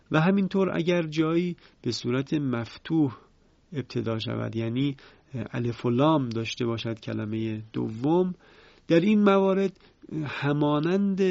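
A man teaching the rules of Quran recitation in a formal, measured way, slowly repeating each example. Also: mid-range voice, creaky, a little mellow, no echo. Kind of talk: formal spoken lesson. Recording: dry, slightly dull lo-fi sound.

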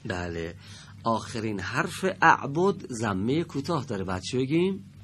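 A man teaching Quran recitation to a class, patiently correcting and praising students and slowly modeling the verses. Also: mid-range voice, big pitch swings, fairly bright tone, a little hiss or hum. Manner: drawn-out slow recitation when modeling verses. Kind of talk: classroom lesson with students reading aloud.

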